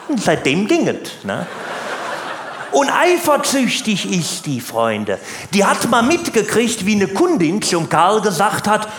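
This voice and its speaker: On stage at a live comedy venue, a male comedian delivers a stand-up monologue in a high-sitting, exaggerated voice. He plays a chatty, naive, grumbling working-class family man who rambles and exaggerates folksily. The roomy hall carries faint background noise.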